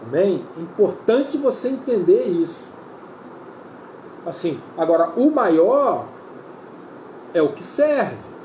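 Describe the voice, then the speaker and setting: A man's voice: high voice, sing-song, takes it slowly, long pauses, warm tone, slight background noise. A man preaching a sermon with a Brazilian Portuguese accent, earnest and repetitive, often calling his listeners brother. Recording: roomy echo with faint ambience.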